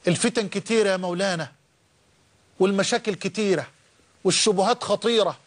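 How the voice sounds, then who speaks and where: Male Egyptian preacher, high-pitched, impassioned sermon delivery with drawn-out recitation. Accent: Egyptian Arabic. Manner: impassioned, rising emphatic repetitions; slow drawn-out recitation of scripture.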